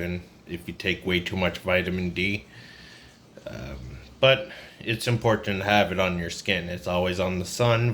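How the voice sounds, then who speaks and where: In his twenties, this vlogger confides in a casual, rambling personal video, downcast and burned-out. His voice is low-pitched and a bit bright, set against noisy ambient background.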